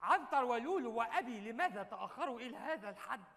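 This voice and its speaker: An actor with an Egyptian accent playing a scheming young suitor who speaks in pompous mock-formal Arabic in a live stage comedy. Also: male voice, very high-pitched, animated, quick pace, a bit bright, exaggerated voice. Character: scheming young male suitor plotting for the throne. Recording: theater stage with long reverb.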